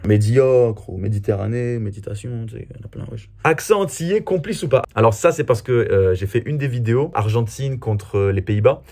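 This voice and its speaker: A man's voice: lowish voice, brisk, few pauses, mellow. A man from France answering viewer questions in a casual, chatty and self-mocking way. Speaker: comedy video creator. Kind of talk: casual Q&A vlog.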